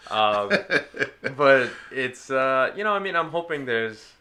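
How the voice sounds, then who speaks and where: A man's voice: medium pitch, animated, slow pace, sharp tone. A man speaking as a podcast guest in casual chat, laid-back and hesitant, often trailing off mid-thought.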